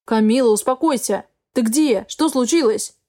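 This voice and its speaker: A woman's voice: a little high, warm tone, lightly acted. Resolute young lover, read by a woman. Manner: decisive, quick, resolute. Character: determined protective young man, lover.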